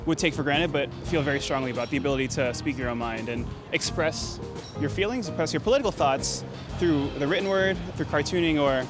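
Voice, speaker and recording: A man speaking earnestly and a little haltingly in a documentary interview. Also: on the high side, over music.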